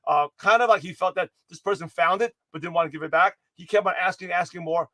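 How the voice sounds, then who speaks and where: Speaking straight to his viewers, a motivational speaker delivers a daily pep talk in a high, quick, slightly hoarse voice. He rambles with energy, restarts and corrects himself mid-word, and keeps circling back to his point. The sound is dry and close, with no echo or room around it.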